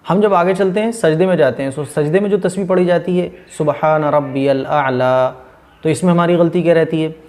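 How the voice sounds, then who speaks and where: A man teaching the correct pronunciation of prayer phrases, asking questions and answering them himself, stretching each phrase out slowly and repeating it. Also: high voice, steady tone, warm tone. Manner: drawls Arabic phrases syllable by syllable. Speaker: religious teacher.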